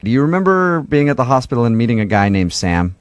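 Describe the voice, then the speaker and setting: A man's voice: mid-range voice, very animated, fast, slight background noise. A man hosting a morning radio show, teasing callers in playful banter.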